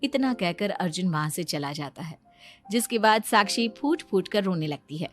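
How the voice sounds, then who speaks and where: A woman's voice: fairly low pitch, animated, moderate pace, fairly bright tone, faint music behind. A woman narrating a scripted moral story.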